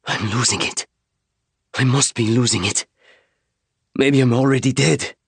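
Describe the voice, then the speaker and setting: A terrified young pilot, as the narrator voices him, stammering and breathless. The voice rises a little above the narrator's own and sounds set apart, not fully the same timbre. The read is dry and close. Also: male voice, mid-range voice, unhurried, creaky, slightly rough, no room sound, voice pushed up, full character voice. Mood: shaken. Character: frightened young male pilot, shaken and stammering.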